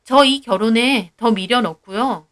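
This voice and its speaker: Woman storyteller, fairly high voice, plain and indignant first-person retelling. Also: unhurried, fairly bright tone.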